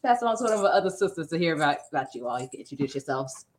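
A woman's voice: sits low, lively intonation, racing. A woman business coach co-hosting a casual chat, enthusiastic and affirming.

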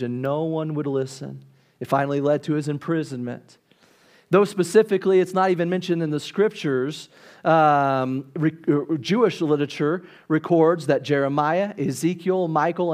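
Pastor, man in his thirties, higher-pitched voice, animated storyteller with halting repeats. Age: 30s. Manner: animated storytelling, acts out crowd complaints; halting restarts and repeated words. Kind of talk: sermon.

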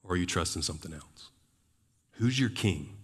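A man's voice: deep voice, expressive, moderate pace, fairly bright tone, breathy edge. A man preaching a sermon in a loose, conversational way, full of fillers and rhetorical questions. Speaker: pastor.

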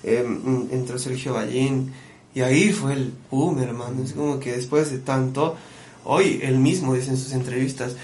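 A man, a musician and producer, telling stories in a casual podcast conversation with an animated, friendly manner. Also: mid-range voice, unhurried. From Bolivia. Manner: animated storyteller, often calls the listener "brother". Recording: echoey room with faint background noise.

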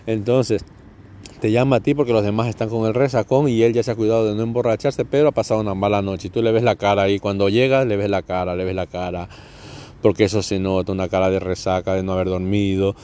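Sarcastic man, low mellow voice. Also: fairly even intonation, fast talker, clean tone. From Catalonia. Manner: sarcastic, profane, ranting. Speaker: podcast host. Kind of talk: comedic podcast monologue.

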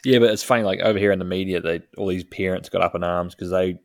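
A man's voice: sits low, steady tone, fast talker, no echo, clean studio sound. A man co-hosting a casual podcast, keen and teasing, calling his friend mate. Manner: enthusiastic, teasing, says mate a lot. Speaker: podcast co-host. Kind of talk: casual chat.

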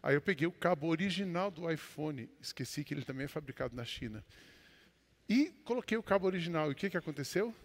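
A Brazilian-accented male pastor delivers a storytelling sermon, his fairly high voice ringing with the long reverb of a large hall. He swings from loud declarations to low, confiding asides. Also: lively intonation, fast talker. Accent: Brazilian Portuguese.

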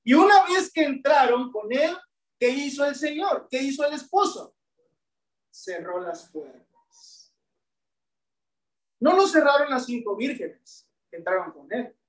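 A woman's voice: high-pitched, expressive, normal speed. A woman preacher delivering a sermon, often putting rhetorical questions to the congregation and addressing them as brethren. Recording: echoey room, voice from a distance.

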